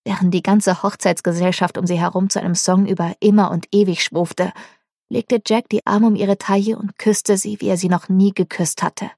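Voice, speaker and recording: Woman, audiobook narration, husky gravelly voice, dry studio sound. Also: mid-range voice, steady tone, normal speed, a little mellow, no room sound. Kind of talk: scripted audiobook reading.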